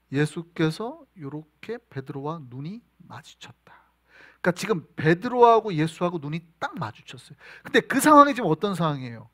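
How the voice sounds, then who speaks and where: A male pastor preaching a sermon, telling the story with lively energy and acting out quoted lines loudly. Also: sits high. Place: church sanctuary.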